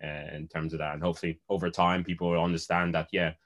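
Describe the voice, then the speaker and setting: Very deep, flat-voiced man from Cameroon. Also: quick pace. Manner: reflective, hesitant with fillers. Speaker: panel guest. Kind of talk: casual conversation.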